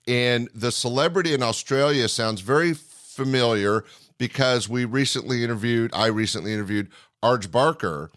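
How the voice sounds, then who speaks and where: Male podcast host, medium pitch, complimentary and conversational, recorded close and dry. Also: normal speed, fairly bright tone, no echo. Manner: effusive, complimentary. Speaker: podcast interviewer. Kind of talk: conversational interview.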